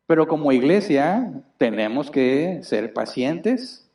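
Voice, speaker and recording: Here the pastor's voice runs on the high side, slow and sing-song with a darkish tone, picked up by a distant mic. He gives a conversational sermon in a church auditorium, explaining things chattily and punctuating points with rhetorical questions.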